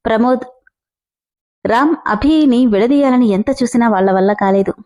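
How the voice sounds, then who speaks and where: A woman narrates a storybook in a calm, steady manner. Her voice sits fairly high with a mellow, warm tone. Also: normal speed, highs cut off.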